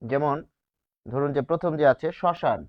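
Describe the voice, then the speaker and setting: A man teaching a grammar lesson, posing rhetorical questions and answering them, stretching key words slowly. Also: fairly high pitch. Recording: dull lo-fi sound.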